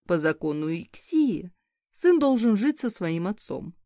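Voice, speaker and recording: A woman's voice: mid-range voice, sing-song, a little slow, mellow, no echo, clean studio sound. A woman reading an audiobook, voicing a smug, mocking nobleman. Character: smug nobleman Bastian, young man's father.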